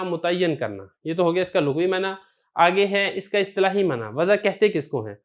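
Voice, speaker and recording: A man teaching a recorded lesson, explaining step by step and answering the questions he poses himself. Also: sits high. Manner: methodical, poses questions then answers them. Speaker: teacher of Arabic grammar.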